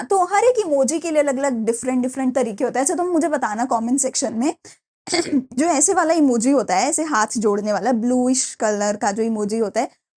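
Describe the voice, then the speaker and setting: A young woman teaching a class in a lively, chatty way, mixing in English phrases. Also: high-pitched. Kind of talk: classroom lecture.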